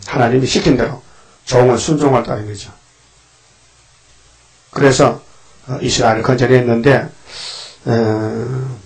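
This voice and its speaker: An older man preaching a sermon, animated, acting out quoted voices as he goes. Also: medium pitch, vocal fry, rough recording. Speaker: pastor.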